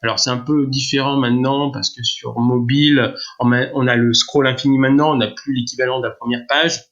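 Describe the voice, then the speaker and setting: A man talks through his work in a relaxed podcast interview. He explains step by step, trailing into fillers and restarts. The recording sounds a little dull and lo-fi. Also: medium pitch, a little fast. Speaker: guest, SEO consultant.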